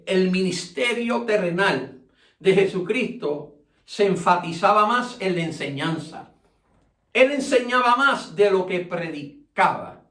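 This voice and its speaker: A man's voice: sits high, a bit bright. A man teaching a Bible study as a pastor, dropping "amén" after nearly every phrase and drawing out key words. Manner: repeats "amén" constantly, stretches key words. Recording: echoey room, distant from mic.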